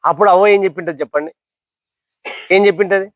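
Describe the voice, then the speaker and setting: Man, storyteller, high voice, quick delivery. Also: no echo. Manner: asks listeners questions, acts out characters' lines. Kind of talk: motivational storytelling to an audience.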